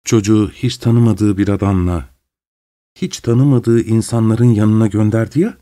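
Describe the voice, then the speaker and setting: A man voicing a thoughtful, caring middle-aged woman who speaks in a measured, earnest way. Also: fairly low pitch, dark tone, dry recording, studio quality, lightly acted. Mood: concerned.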